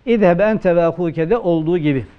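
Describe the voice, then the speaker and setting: A man with a Turkish accent, a religious teacher giving a classroom grammar lecture, who poses questions and answers them himself, and slows down to quote texts. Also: sits high, smooth, muffled recording. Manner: asks questions and answers them himself, slow emphatic quoting.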